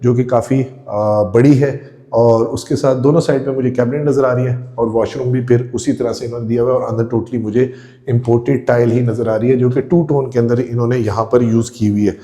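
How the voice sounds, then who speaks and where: Male property-tour host, eager walkthrough narration, mellow tone. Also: medium pitch, fairly even intonation, a little fast. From Pakistan. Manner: enthusiastic, addresses viewers directly, descriptive. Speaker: real estate tour host. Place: indoors, empty house rooms.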